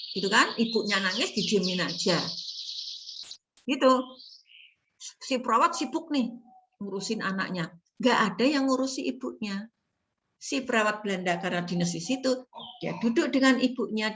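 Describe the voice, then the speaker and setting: A middle-aged woman, a nursing lecturer telling stories in a casual, animated class talk full of rhetorical questions. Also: mid-range voice, rough recording. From Indonesia. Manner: chatty, animated storytelling with laughs and rhetorical questions.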